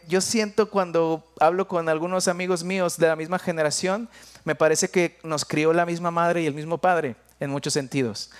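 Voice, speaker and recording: Slightly high-voiced, this young man from Mexico speaks with a Jalisco accent, delivering his sermon with a chatty, playful tone and slipping into hushed asides.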